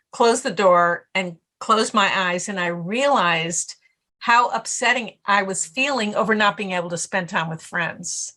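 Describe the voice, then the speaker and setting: A woman's voice: medium pitch, pushed and bright. A middle-aged woman, a guest on a podcast interview, who talks about stress and acts out her own inner voice as she tells stories. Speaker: guest author and stress coach.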